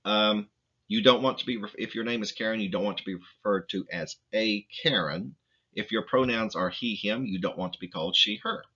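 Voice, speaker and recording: A man giving a recorded lecture presentation, speaking in a halting way with many restarts and fillers. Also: lowish voice, sharp tone, husky, highs cut off.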